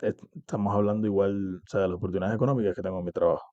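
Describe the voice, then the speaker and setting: Man, dark low voice. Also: steady tone, very fast, no room sound, lo-fi sound. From Cuba. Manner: reflective, uses many fillers and "¿entiendes?". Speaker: interview guest. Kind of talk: casual interview talk.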